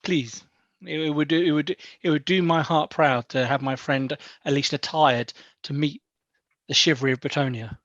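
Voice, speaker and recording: A man's voice: on the high side, fairly even intonation, normal speed, fairly bright tone, no room sound, lightly acted. A man playing a courteous, diplomatic elf in improvised tabletop role-play, speaking with polite, formal persuasion. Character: courteous, diplomatic male elf, smooth-talking negotiator. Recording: dull, lo-fi close audio.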